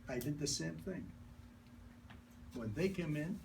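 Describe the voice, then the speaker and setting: His voice is on the high side and gravelly, a little slow, captured by a distant mic over a noisy background. This product presenter, in his sixties, New York-raised with a non-native English accent, gives a casual sales pitch, telling stories while repeating, restarting and using broken grammar.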